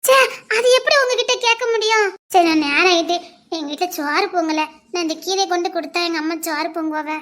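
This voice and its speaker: A woman playing a shy, poor young village girl in love, speaking softly with a southern Tamil Nadu accent. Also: very high voice, quick pace. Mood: tender. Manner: soft, bashful, pleading. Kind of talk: village romance drama acting.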